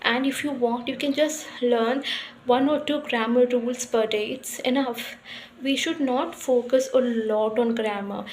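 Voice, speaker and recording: Slow-talking woman with an Indian accent. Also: fairly high pitch, steady tone, a little hiss or hum, low-quality recording. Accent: Indian English. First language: Hindi. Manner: slow, earnest, repeats and restarts phrases. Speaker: English learning vlogger. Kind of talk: casual spoken lesson.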